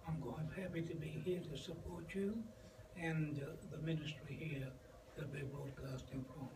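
An older man with an Australian accent, speaking as a guest minister in a calm, measured, pastoral way. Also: a little high. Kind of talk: calm teaching talk. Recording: echoey room, distant mic, audible noise.

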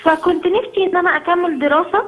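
A woman's voice: extremely high pitch, rapid-fire, fairly bright tone, rough recording. A young Egyptian woman with an Egyptian Arabic accent, calling in politely to ask for advice. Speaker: caller. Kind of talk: phone-in call.

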